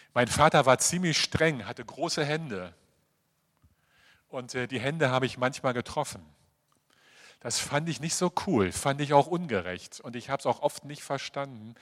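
A male preacher delivering a sermon, acting out quoted voices and swinging between emphatic passages and quiet, confiding asides. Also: mid-range voice. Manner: animated, acts out quoted voices. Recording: long hall reverb.

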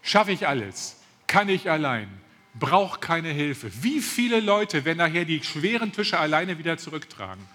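A man preaching a sermon with a high, bright voice, taking his time and leaning hard on each repeated phrase. His voice carries a long reverb through a church hall. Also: big pitch swings, soft background music. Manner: emphatic, repeats key phrases, stretches words slowly.

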